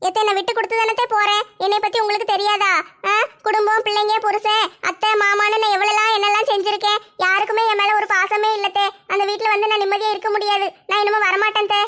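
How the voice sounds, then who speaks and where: A woman's voice: very high voice, flat delivery, fast talker, a bit bright. A woman playing an aggrieved young wife who pleads and complains in a family drama skit. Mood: refusing. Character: hurt, stubborn young wife, a daughter-in-law.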